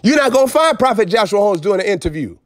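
A man preaching with emphatic swings between low intensity and raised outbursts. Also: sing-song, fast, no echo, studio quality. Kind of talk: preaching on a phone broadcast.

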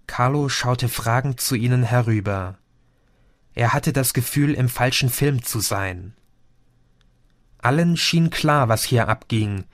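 A man narrates an audiobook in a steady, measured voice of middle pitch. The recording is close and dry, with no room around him. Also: no echo. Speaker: audiobook reader.

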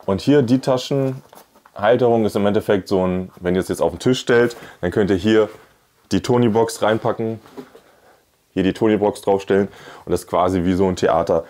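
This male product reviewer on YouTube has a darkish voice on the low side and a moderate pace. He presents and demos products in a casual, talkative video review. He's indoors in a small plain-walled room, wearing a clip-on lavalier on his shirt.

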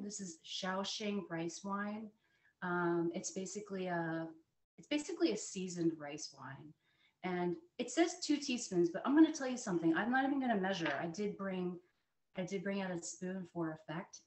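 A woman in her forties giving a live cooking demonstration from her home dining room, talking in a chatty, friendly way with many fillers, recorded on a camera a few steps away. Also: mid-range voice. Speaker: cooking instructor. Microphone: fixed camera at a distance. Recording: echoey room.

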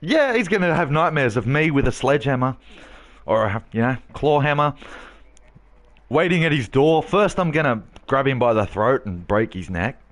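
A man's voice: medium pitch, expressive, normal speed. A man live-streaming a game, brash and trash-talking, swearing and mocking a heckler.

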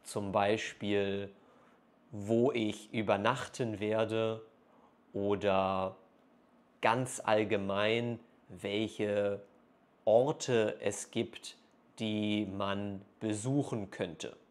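A German teacher who vlogs speaks very slowly for learners, articulating each phrase with care and pausing between them. His pitch is fairly low and his tone steady, picked up by a clip-on lapel mic in a small indoor room.

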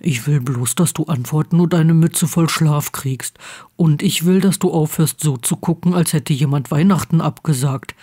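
A woman's voice: sits low, moderate pace, warm tone, husky. A woman doing Ron, a blunt teenage boy. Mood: irritated. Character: teenage boy wizard friend, blunt and stubborn.

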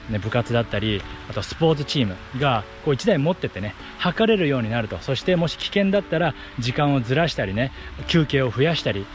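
A man explaining things to the camera in short phrases as he talks while running outdoors. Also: mid-range voice. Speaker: running vlogger and athletic trainer. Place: outdoors on a path by fields. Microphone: action camera at arm's length.

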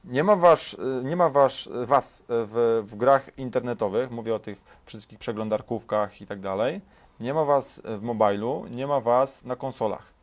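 A man's voice: mid-range voice, moderate pace. A man in his thirties interviewing a guest, probing with challenging questions and hesitating with many fillers, on a lapel mic in a studio. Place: studio set with dark backdrop and sofas.

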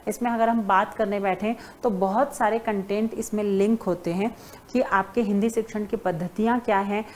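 Woman teacher, mid pitch, lecturing and writing on a board, fond with students, faint background noise. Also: fairly even intonation, moderate pace. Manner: addresses students as "beta", writing on a board while talking. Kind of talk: online exam-prep lecture.

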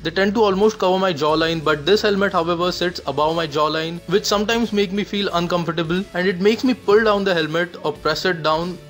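Man wearing a full face helmet, very slow explanatory talk, slightly high voice, faint music behind. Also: fairly bright tone. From India. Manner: unhurried, explanatory. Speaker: product reviewer. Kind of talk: casual product review vlog.

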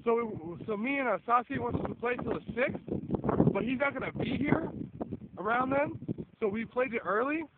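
This young man's voice is very high-pitched, with lively intonation and a moderate pace, though he's tired and losing it. Vlogging casually on a windy suburban road, he rambles with plenty of fillers and offhand swearing while his phone is held at arm's length and an earphone mic picks him up. Wind noise cuts through the tinny, phone-like audio.

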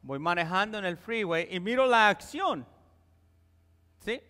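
In a church sanctuary, a pastor delivers a sermon in a conversational style, frequently checking in with the congregation. His voice is high, bright and forceful, with lively intonation and a slightly slow pace, and a long church reverb trails it.

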